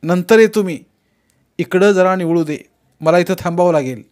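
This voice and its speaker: Man voicing harried college principal, exasperated, pleading, high-ish voice, audiobook. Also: normal speed, darkish tone, lightly acted. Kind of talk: audiobook character reading.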